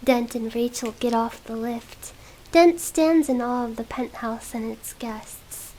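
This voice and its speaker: A woman streamer reading a film script in a whispered role-play, with soft, giggly asides, close to the microphone. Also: a little high, slow, low-quality recording. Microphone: close ASMR microphone.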